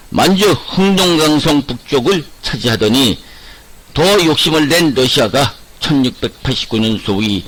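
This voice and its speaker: A man's voice: medium pitch, fairly bright tone, poor audio. An older man telling history to viewers in a loose storytelling way, sometimes correcting himself as he goes. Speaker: history channel host. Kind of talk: history narration.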